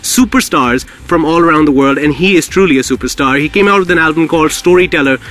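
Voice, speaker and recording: Bright, high-voiced male radio host. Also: quick pace. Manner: hype-filled, repetitive, slangy. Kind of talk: live radio interview, effusive hosting.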